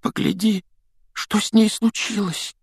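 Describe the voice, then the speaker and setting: A man voicing an anxious, excitable young teenage boy wizard in an audiobook, pleading and shouting. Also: mid-range voice, normal speed, no room sound, studio quality, lightly acted. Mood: shaken.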